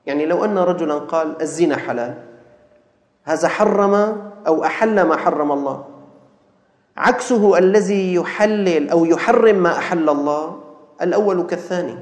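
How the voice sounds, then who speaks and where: A man delivers a sermon in a slightly raised voice, turning to his listeners as brothers and mimicking quick blunt replies. The recording carries heavy room echo with a long reverb tail, like a large hall. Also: a little high. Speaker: preacher.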